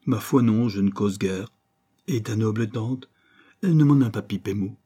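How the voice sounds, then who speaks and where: A man's voice: fairly low pitch, moderate pace, dark tone, breathy edge. A man voicing a naive, proud reformed brigand in an audiobook, speaking in slangy, folksy working-class talk.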